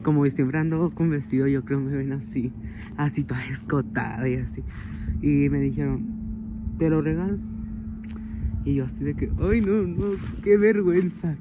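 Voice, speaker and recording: Male comic as a sentimental, vain young woman; bashful comedy vlog character, recorded on a street with loud ambient noise. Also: fairly high pitch, lightly acted. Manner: gushing, self-admiring, keeps saying how embarrassed she is. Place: outdoors on a street by a shop. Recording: dull lo-fi with loud outdoor noise.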